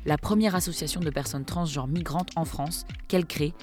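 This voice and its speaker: A narrator reading a measured, scripted introduction to an episode. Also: medium pitch, a little mellow.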